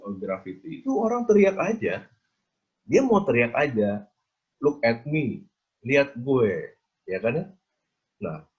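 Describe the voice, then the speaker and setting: A man's voice: medium pitch, dull audio. A man giving an interactive design lecture on a video call, quizzing his audience with casual tag questions.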